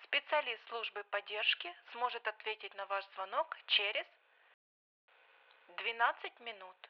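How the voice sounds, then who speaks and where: A woman reading a formal, polite call-centre hold announcement in a measured way. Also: fairly high pitch, expressive. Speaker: automated phone hold announcer. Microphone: telephone line. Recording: muffled lo-fi phone line with loud hiss.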